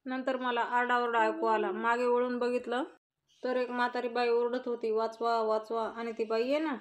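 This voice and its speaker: A woman's voice: a little high, flat delivery, normal speed, lightly acted. A woman reading a plain working-man witness. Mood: testifying. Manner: matter-of-fact.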